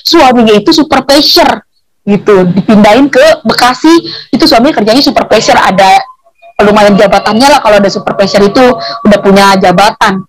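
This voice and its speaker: Over poor audio, a woman with a slightly high voice shares her personal faith testimony. She tells it in a chatty, informal way full of local slang, and her emotion sometimes breaks her voice into tears.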